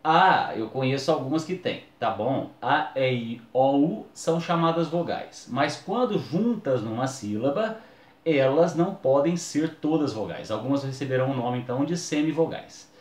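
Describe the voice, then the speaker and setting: A man's voice: medium pitch, expressive, moderate pace, echoey room. A man, teaching a video lesson and drawing out key words for emphasis.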